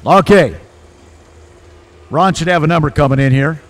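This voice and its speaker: A man's voice: fairly high pitch, moderate pace. A man working as a tractor pull announcer, giving live commentary on drivers and standings.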